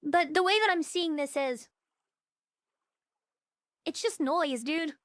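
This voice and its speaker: Blunt, profane high-voiced young woman streamer. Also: expressive, slow, no echo, studio quality. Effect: voice changer turned down to a more natural tone. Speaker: VTuber streamer. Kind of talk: casual livestream chat.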